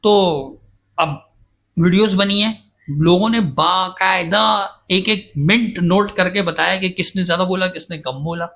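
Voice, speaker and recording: High, bright-voiced man arguing emphatically. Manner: emphatic, insistent, defends himself at length. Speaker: guest scholar in a podcast interview. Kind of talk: casual debate-style interview talk.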